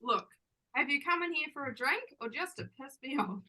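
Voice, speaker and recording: A woman's voice: high voice, animated, normal speed, pushed and bright, full character voice, low-quality recording. [name], a woman playing a brash Kiwi barmaid. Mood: sardonic. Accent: New Zealand with Australian twang. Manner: blunt, sarcastic, slangy banter. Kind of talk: amateur audio drama.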